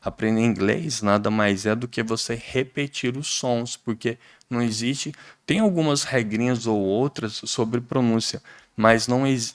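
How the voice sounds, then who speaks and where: A middle-aged man with a Brazilian Portuguese accent, an English teacher guest explaining things in a lively, demonstrative way, often saying "né". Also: medium pitch. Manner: lively, demonstrative, repeats "né", acts out pronunciations. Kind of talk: casual explanatory interview talk.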